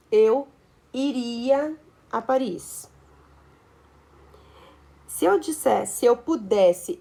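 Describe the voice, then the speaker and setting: A woman's voice: mid-range voice, creaky, mellow. A Brazilian woman teaching a video lesson, explaining at length and checking in with tag questions and fillers. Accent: Brazilian Portuguese.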